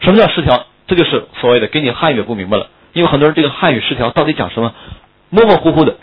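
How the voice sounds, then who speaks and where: A man's voice: a little high, expressive, husky, highs cut off. A man teaching English vocabulary in a classroom lecture, joking and asking his students questions. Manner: quick, joking, asks students questions often.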